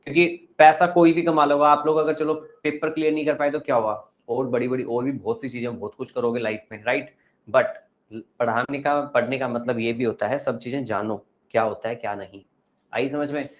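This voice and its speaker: A man's voice: medium pitch, fairly even intonation, moderate pace. Lo-fi recording of a lecturing male teacher. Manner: lecturing and questioning pupils. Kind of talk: classroom lecture. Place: classroom.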